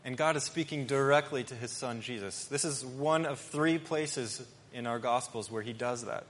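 A male pastor preaching an earnest, emphatic sermon with pauses and restarts. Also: medium pitch, fairly bright tone, a little hiss or hum. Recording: long hall reverb.

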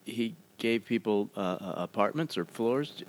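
A man with a very deep voice asks short follow-up questions and reacts briefly. His voice is gravelly and full of fry. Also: animated, a little slow. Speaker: interviewer. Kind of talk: casual interview.

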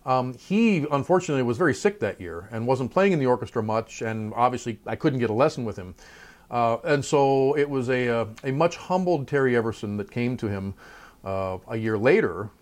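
A middle-aged man, a trumpet player and college professor, talking through his career in a relaxed interview, thoughtful and chatty with many asides. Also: medium pitch, a little fast.

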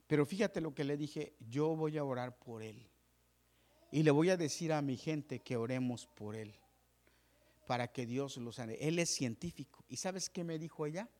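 A male pastor relates a story in his sermon at a moderate pace, his voice a little high. Hushed whispers give way to impassioned, raised preaching.

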